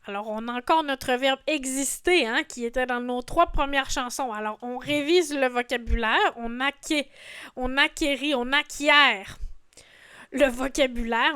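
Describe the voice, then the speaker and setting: A woman's voice: high-pitched, a bit bright, smooth, dry recording, studio quality. A woman in her forties, a French teacher patiently explaining song lyrics and grammar, often checking in with "hein". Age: 40s. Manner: patient, didactic, frequent "hein" fillers.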